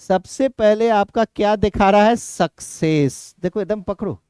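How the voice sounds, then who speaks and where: A man's voice: high voice, fairly even intonation, normal speed, a little mellow, clear, resonant tone, no room sound, clean studio sound. A male exam-prep teacher with a Bihari Hindi accent explains a lesson to students, repeating points and checking whether they understood.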